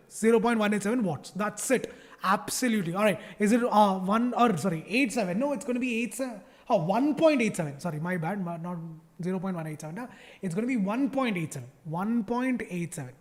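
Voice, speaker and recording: A man's voice: high-pitched, expressive, fairly quick. Playful South Indian-accented male teacher. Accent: South Indian English. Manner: playful, mock-dramatic teasing; chatty, keeps asking the class questions. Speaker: online physics teacher. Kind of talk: live online class.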